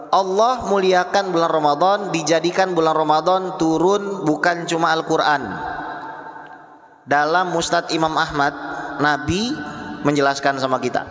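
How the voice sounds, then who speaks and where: A man's voice: on the high side, fairly bright tone. A man giving a religious lecture, asking the audience questions and answering them himself. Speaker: Islamic preacher. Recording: echoey hall reverb.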